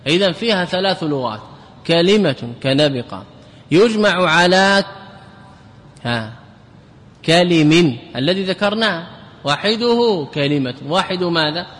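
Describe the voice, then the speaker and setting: In a lecture hall with long reverb, a man teaches a grammar class, repeating words to drill them and quizzing his students. His voice is fairly high and fairly bright.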